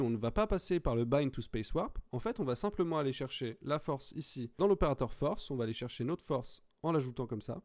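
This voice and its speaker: Fast-talking man teaching software. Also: medium pitch. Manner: explanatory, conversational, addresses viewers directly. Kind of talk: screen-recorded software tutorial.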